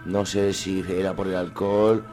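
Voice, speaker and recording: Crude joking radio host. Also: male voice, sits low, little pitch movement, moderate pace, a little mellow, soft background music. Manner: crude, joking banter with heavy swearing. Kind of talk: comic news reading on radio.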